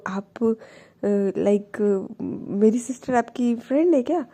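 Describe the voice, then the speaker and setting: A woman's voice: a little high, takes it slowly, mellow. A woman voicing a polite young man who hesitantly offers help in a storytold scene.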